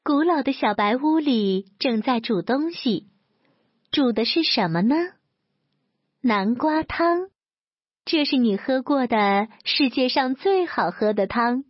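A woman reads a children's story slowly and gently, her voice a touch high and breathy. The sound is dry and close, with a dull, lo-fi quality. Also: expressive, no room sound. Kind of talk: children's story read aloud.

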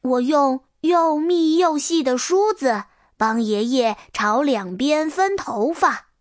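Slow, gentle high-voiced woman storyteller. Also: lively intonation, no echo, clean studio sound. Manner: gentle, unhurried, tender. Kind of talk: storybook read-aloud narration.

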